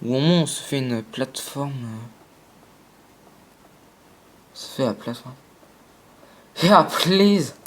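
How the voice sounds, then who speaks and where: A mid-pitched gamer of unclear sex talks through the game casually. The delivery is slangy and halting, with frequent self-corrections while explaining strategy aloud. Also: expressive, slight background noise. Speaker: gaming video creator.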